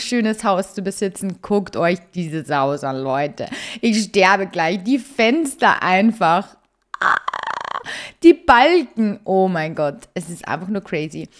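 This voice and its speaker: A young woman giving bubbly, gushing let's play commentary, dropping to quiet asides. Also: mid-range voice. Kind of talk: casual game commentary.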